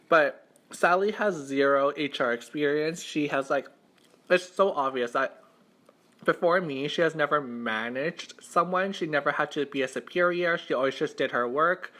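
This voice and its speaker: A young mukbang vlogger with a higher voice chats casually, telling a story while he eats. His delivery is measured in pace yet pushed and bright, conversational, full of "like," and he keeps repeating and rephrasing himself.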